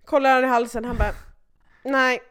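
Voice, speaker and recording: A young woman in her twenties co-hosting a casual podcast, chatty and quick to joke along. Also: fairly high pitch, lively intonation. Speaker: podcast co-host, basketball player.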